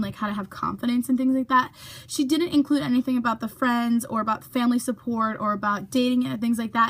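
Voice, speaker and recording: A young woman YouTuber with a slightly high voice chats informally to her camera in a vlog. Her speech is full of fillers, and she sometimes whispers asides.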